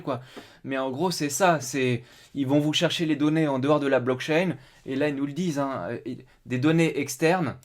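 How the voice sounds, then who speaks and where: Casual French-speaking man thinking aloud. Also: medium pitch. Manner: thinks aloud, many fillers and restarts, reads English terms aloud. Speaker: crypto live streamer. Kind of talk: casual live stream analysis.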